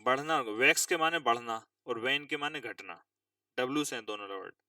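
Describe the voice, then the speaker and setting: Bright-voiced male English tutor, far from mic. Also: medium pitch, no room sound. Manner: slow drawn-out reading of English phrases, spells words aloud. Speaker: English teacher. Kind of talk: vocabulary lesson explaining English news words.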